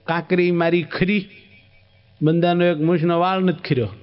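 A man's voice: sits high, flat delivery, moderate pace, long reverb tail, lightly acted. A man voicing a proud, scornful male scholar in a devotional story, defiant and boastful. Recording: dull lo-fi recording.

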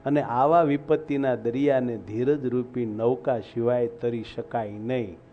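A male preacher, telling a devotional story in folksy talk and slowly chanting verses. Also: medium pitch, fairly even intonation, a little hiss or hum. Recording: dull lo-fi recording with faint music.

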